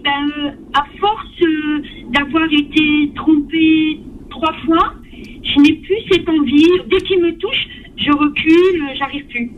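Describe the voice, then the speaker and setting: A woman calling a radio talk show from her car speakerphone, speaking in a halting, hesitant but candid way over a dull phone line. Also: high-pitched, steady tone, a little hiss or hum. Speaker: radio call-in caller.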